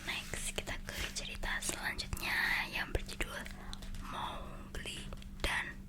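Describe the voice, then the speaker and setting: An ASMR storyteller with an Indonesian accent reads fairy tales from the page. The voice stays in an unvoiced whisper throughout. The reading is a little halting, with words sometimes restarted and corrected.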